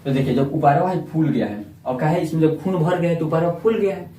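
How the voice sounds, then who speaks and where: A man's voice: on the high side, quick pace, dark tone, a little hiss or hum. Man teaching a lesson, echoey and distant. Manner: repeats terms and quizzes the listener. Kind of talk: classroom lesson. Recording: echoey room, voice from far off.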